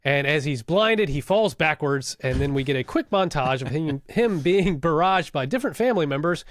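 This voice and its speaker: A man with a fairly high voice recaps a TV episode for a podcast, scene by scene, often laughing at his own asides. He sounds close to the mic in a dry, dead room. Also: lively intonation, normal speed, dry recording. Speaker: podcast co-host. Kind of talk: casual rewatch podcast recap.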